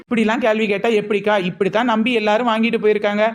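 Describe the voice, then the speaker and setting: A woman's voice: mid-range voice, flat delivery, racing, natural voice. A woman playing a scheming young village shopkeeper selling hair oil in a scripted comedy skit, with sly, wisecracking sales patter.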